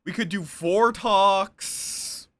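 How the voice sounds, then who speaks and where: Running an online social deduction game, this game streamer talks loosely and playfully with friends and viewers, tossing out small sing-song asides. The delivery is very slow, at medium pitch, with a slightly bright quality. The recording is dry.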